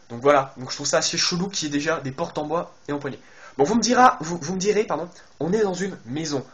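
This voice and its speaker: A man's voice: on the high side, fairly bright tone. A man casually commenting on a game trailer, addressing his viewers and thinking aloud with lots of fillers and restarts. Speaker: video game YouTuber.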